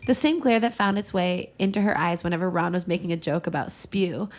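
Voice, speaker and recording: In a lowish voice and at a slightly fast clip, a podcast co-host reads fan fiction aloud. Her banter is casual and giggly, and she breaks into laughter in the middle of reading.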